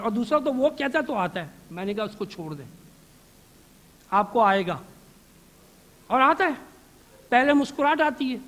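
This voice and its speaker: High-voiced man giving a religious lecture. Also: a bit bright. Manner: asks rhetorical questions and answers them; drops English words into his speech. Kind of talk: Islamic lecture to a live audience. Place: lecture hall with audience.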